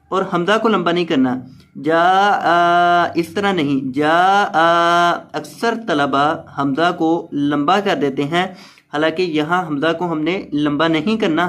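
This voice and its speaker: A man teaching Quran recitation word by word, explaining each rule patiently and then drawing the words out slowly. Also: a little high. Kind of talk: slow word-by-word tajweed lesson.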